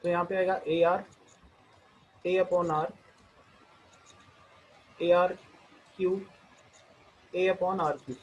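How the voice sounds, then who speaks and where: A man with an Indian accent teaching a math lesson, working through the steps one at a time and slowing down to read each equation aloud. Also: sits high, flat delivery, breathy edge, lo-fi sound. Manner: explains step by step, mixing Hindi and English; slows down when reading out equations. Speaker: math tutor.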